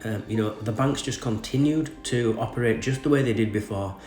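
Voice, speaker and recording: Male host, English accent, groggy with a head cold, mid-pitched, news commentary in an echoey room over music. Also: fairly quick, a little mellow. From England. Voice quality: slightly groggy, congested from a cold. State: sore throat from a cold. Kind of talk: reading an article aloud with off-the-cuff commentary.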